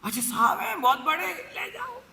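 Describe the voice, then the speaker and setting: A man's voice: very high voice, very animated, moderate pace, creaky, a crowd in the background, voice pushed up, heavily acted. A man preaching voices a cheeky eight-year-old village girl who scolds, then politely defers. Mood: cheeky deferential. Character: bold little village girl, eight or nine. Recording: echoey hall with long reverb.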